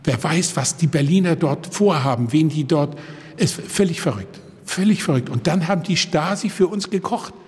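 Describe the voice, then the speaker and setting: A man around seventy from Germany's Baltic coast, a guest telling lively anecdotes in conversation and acting out the people in them. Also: on the high side, moderate pace, slightly rough, in a large hall. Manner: lively storyteller who acts out the people in his stories. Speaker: guest, organ builder.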